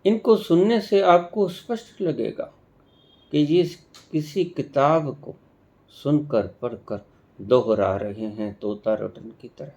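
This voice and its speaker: A man giving a devotional discourse as a spiritual teacher, speaking in a measured way with long pauses and emphatic stresses. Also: medium pitch, darkish tone.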